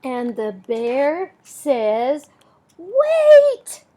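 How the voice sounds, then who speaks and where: Slow, husky grandma voice, an older woman. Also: on the high side, expressive. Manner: grandmotherly, gentle, unhurried. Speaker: grandmother reading picture books aloud. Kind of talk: storybook read-aloud with chatty asides to young listeners.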